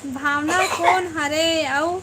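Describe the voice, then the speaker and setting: Woman, Chhattisgarhi accent, live-stream host, high voice, unhurried, playful banter with chat. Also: steady tone, very noisy. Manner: teasing, banters with commenters by name.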